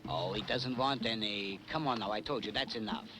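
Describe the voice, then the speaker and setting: An actor playing a friendly expedition writer who explains things patiently, in an old dubbed film. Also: male voice, lowish voice, a little fast, music in the background, lightly acted. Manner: easygoing, explaining. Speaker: expedition member. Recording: old film dub with noise.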